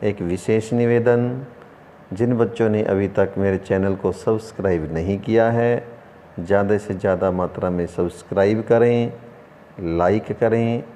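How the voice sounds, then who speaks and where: A man teaching an online lesson, who explains slowly by asking questions and then answering them himself. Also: lowish voice, fairly even intonation, warm tone, slight background noise. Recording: room with long reverb.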